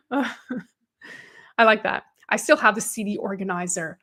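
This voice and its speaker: A woman in her thirties talking casually as a podcast co-host. She is chatty and animated, reading listener comments aloud and laughing often along the way. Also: medium pitch, takes it slowly.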